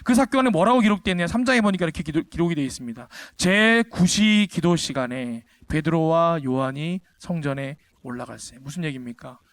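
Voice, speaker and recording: Guy pastor preaching a sermon, pretty high voice, dry close sound, lots of questions thrown at the crowd. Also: animated, brisk, hardly any pauses, no echo. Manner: emphatic preaching, rhetorical questions to the congregation; rises sharply for emphasis. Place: church service.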